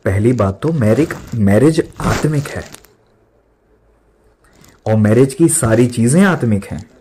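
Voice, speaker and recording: A man's voice: medium pitch, expressive, slow pace, dark tone, breathy edge. A young man in his twenties preaching an emphatic sermon as a pastor, mixing in English words and repeating lines for stress.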